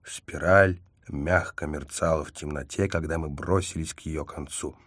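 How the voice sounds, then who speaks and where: Deep-voiced man reading a wry story. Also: steady tone, normal speed, a bit bright, no echo, studio quality. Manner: wry, self-mocking storytelling. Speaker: audiobook narrator. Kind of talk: first-person novel narration.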